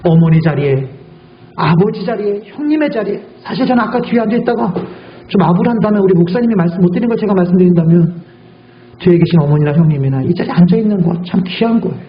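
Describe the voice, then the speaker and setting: Fast, high-voiced man preaching. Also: animated, slight background noise. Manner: emphatic preaching full of rhetorical questions. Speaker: guest pastor. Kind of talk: sermon. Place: church sanctuary. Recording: echoey church hall, dull audio.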